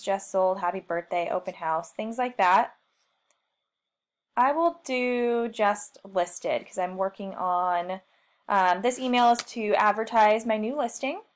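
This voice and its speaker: With a medium-pitched voice and a measured pace, a marketing trainer walks viewers through software on a shared screen. She's talkative and self-deprecating, narrating her thoughts with each click.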